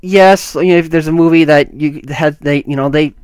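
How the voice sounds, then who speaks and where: A man's voice: fairly high pitch, steady tone, normal speed, darkish tone, clear, resonant tone, dry recording. A man from Canada giving casual tech news commentary on his vlog, rambling with many restarts and fillers. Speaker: tech vlogger.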